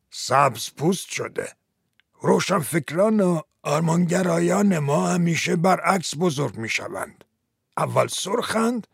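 Man voicing old chief, gravelly, husky, hesitant, dry close sound, storybook. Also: on the high side, no echo, pitched above the performer's own voice, heavily acted. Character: old male chief, meek and rambling. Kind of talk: audiobook character voice.

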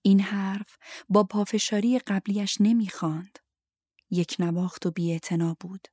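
A woman narrating a novel aloud in a steady storytelling manner. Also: medium pitch, no room sound, clean studio sound. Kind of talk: audiobook narration.

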